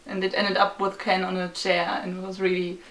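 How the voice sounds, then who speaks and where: A woman's voice: fairly low pitch, completely flat delivery, a little fast, fairly bright tone. A young woman, chatting enthusiastically as a vlog co-host about a concert she attended. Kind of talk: casual chat reviewing a concert. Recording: roomy, distant mic, faint noise.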